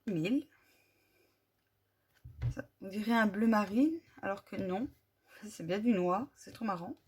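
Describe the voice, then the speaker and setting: A woman with a French accent casually reviewing glitter paint tubes, slowly listing colour numbers with frequent fillers. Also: mid-range voice, darkish tone, a little hiss or hum. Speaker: vlogger.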